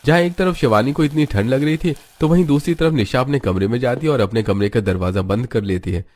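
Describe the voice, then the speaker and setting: A man giving scripted narration for an animated story in a steady manner. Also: mid-range voice, fairly quick, dry recording.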